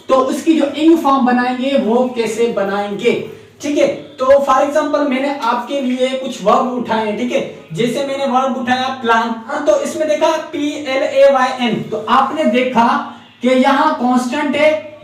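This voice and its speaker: A man from Pakistan teaching a spelling lesson in a high voice. He spells words out letter by letter and keeps checking that his listeners follow. The recording is very echoey, with the mic well away from him. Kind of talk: spelling lecture. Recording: echoey room, mic far off.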